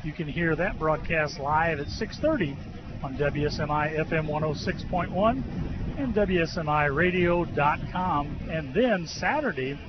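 Muffled radio voice of a man calling football. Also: a little high. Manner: dense, steady announcer delivery packed with details. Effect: muffled lo-fi radio broadcast sound. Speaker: radio play-by-play announcer. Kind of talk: high school football radio commentary. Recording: muffled radio broadcast with crowd noise.

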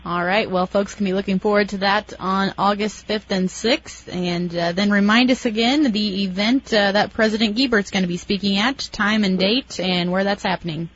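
A woman hosting a farm radio show and reading news in a steady, even way, taped off the radio. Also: mid-range voice, moderate pace, few pauses, breathy edge. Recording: dull lo-fi radio sound, dry.

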